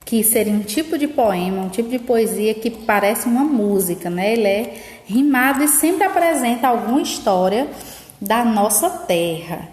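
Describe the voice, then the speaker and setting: A woman's voice: fairly high pitch, animated, normal speed, darkish tone. A woman teacher explaining a lesson, often checking in with tag questions. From Northeast Brazil. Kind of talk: remote school lesson. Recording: echoey room with long reverb.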